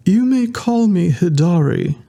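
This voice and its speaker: A man voicing a polite, precise male robot in a formal, measured way. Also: high-pitched, expressive, warm tone, voice pushed up, exaggerated voice. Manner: formal, measured, strange electronic tone.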